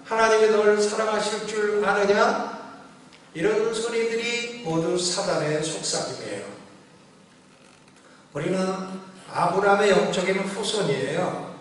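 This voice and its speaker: Older guy preaching in a big echoey church, highish voice, mic far off, quick back and forth with the crowd. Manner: lively preaching, voices Satan's taunts, asks the congregation for answers. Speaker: pastor. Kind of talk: sermon. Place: church sanctuary.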